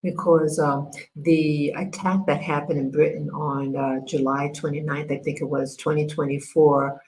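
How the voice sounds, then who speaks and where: A woman from America hosting a casual livestream, talking haltingly with many fillers and restarts while she works her screen. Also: low voice, little pitch movement, darkish tone, slight background noise, poor audio. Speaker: livestream host.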